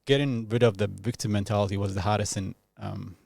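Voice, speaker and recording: A man in his thirties from Iraq, talking as a podcast guest in a thoughtful, reflective way, pausing often and laughing easily. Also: fairly low pitch, fairly even intonation, creaky, a little mellow, no echo, studio quality. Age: 30s. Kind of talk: casual reflective interview talk.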